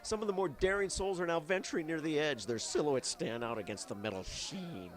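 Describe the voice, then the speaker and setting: A man's voice: fairly high pitch, animated, fairly quick, natural voice. A man playing a live radio field reporter, stammering and increasingly frantic. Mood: tense. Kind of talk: 1930s radio drama acting.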